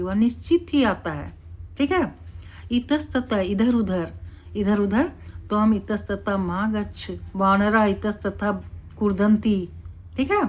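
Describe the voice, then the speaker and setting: Slow, deliberate woman teaching a class. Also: medium pitch, a little mellow. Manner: slow and deliberate, often checks with "ठीक है". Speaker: Sanskrit teacher. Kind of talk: classroom lesson.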